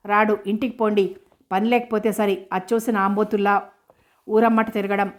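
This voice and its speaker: A woman's voice: medium pitch, little pitch movement, normal speed, natural voice. A woman reading a novel aloud, voicing a domineering middle-aged father who scolds his children harshly. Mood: scolding.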